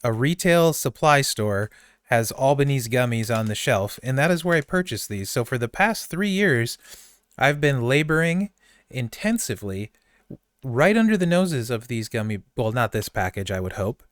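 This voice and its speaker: A man talks through a relaxed podcast chat, eagerly praising what he is tasting. His voice sits at an ordinary middle pitch. The recording is dry and close. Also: clear, resonant tone, dry recording. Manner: chatty, gushes over candy while chewing. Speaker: podcast host.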